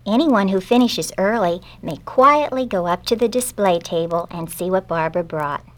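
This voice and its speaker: A woman voicing a kind, orderly schoolteacher in a storybook reading, speaking clearly. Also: mid-range voice, moderate pace, natural voice. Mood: teacherly.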